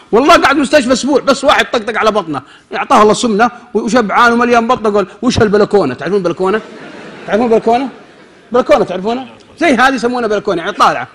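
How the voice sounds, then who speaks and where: A man giving a humorous, animated sermon, acting out little scenes and swinging between loud and soft. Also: high voice, slightly rough. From Saudi Arabia. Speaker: preacher.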